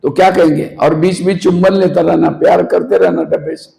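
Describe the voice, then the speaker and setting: Man, spiritual teacher, live discourse, high-pitched, gravelly, earnest rhetorical questions. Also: fairly quick, warm tone, poor audio. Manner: earnest, rhetorical questions, scolds sleepy listeners. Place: meditation hall.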